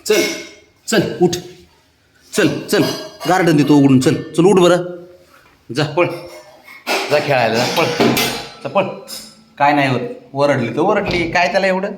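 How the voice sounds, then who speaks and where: A man's voice: on the high side, animated, measured pace, pauses often, slight background noise. A man at home talking affectionately to his pet cat, coaxing and teasing it. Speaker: pet owner vlogger.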